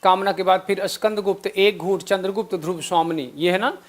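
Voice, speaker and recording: A young man with a high voice teaches a live online exam-prep class. He quizzes his students, repeats each answer and drops chatty asides between questions. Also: steady tone, brisk.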